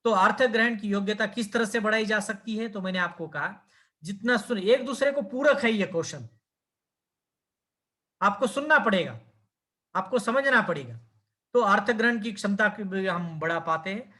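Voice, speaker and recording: A man's voice: sits high, moderate pace, bright, forceful tone. A male teacher giving a lecture, explaining step by step with fillers and self-corrections. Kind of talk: lecture on language skills.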